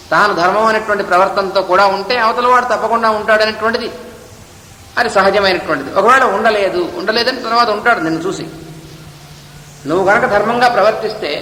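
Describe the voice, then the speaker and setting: A man giving a spiritual discourse, reading a text and then explaining it, sometimes chanting verses slowly. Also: high voice, pushed and bright, echoey room, long reverb tail, low-quality recording. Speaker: spiritual teacher. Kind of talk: Gita discourse.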